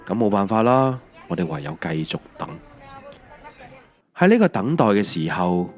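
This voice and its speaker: Background music sits beneath this narration of a scripted autobiographical audio drama. The narrator is a man with a Hong Kong accent and a lowish, slightly mellow voice, whose storytelling is reflective and wry.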